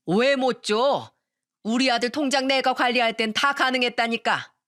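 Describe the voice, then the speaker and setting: A woman's voice: mid-range voice, lively intonation, moderate pace, fairly bright tone, no room sound, studio quality, natural voice. A woman voicing a pushy, scheming middle-aged mother-in-law in a narrated radio story, demanding and accusing.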